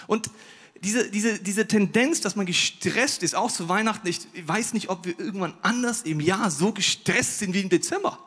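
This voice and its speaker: A high-voiced man doing a stand-up comedy monologue on a stage in a large hall. He talks straight to the audience with rhetorical questions and swings between loud outbursts and quiet asides. A long hall reverb trails after his words. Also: moderate pace, slightly rough. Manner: chatty, addresses the audience directly with rhetorical questions.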